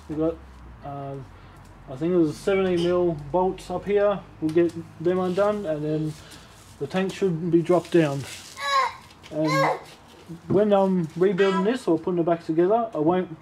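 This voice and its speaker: A relaxed man narrates his car restoration as he works in a home garage, chatting loosely and thinking aloud. His voice sits a little high for a man. It is picked up on a phone or action camera, with a faint hiss behind it. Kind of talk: casual workshop commentary.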